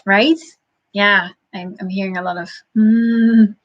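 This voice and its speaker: A woman hosting a casual livestream, answering chat questions in a halting, thinking-aloud way with frequent chuckles. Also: medium pitch, highs cut off.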